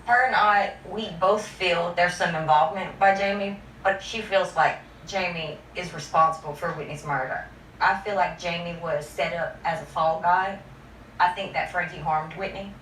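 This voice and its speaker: A woman's voice: lowish voice, normal speed, a bit bright, roomy sound, distant mic, slight background noise, low-quality recording. A woman talking candidly as an interviewee in a documentary. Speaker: interviewee, victim's relative.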